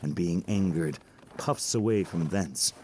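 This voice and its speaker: A man's voice: deep voice, unhurried, warm tone, a little hiss or hum. A man playing Mercutio, a witty, fanciful, teasing young man, in a theatrical storytelling delivery for a Shakespearean audio play. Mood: wistful.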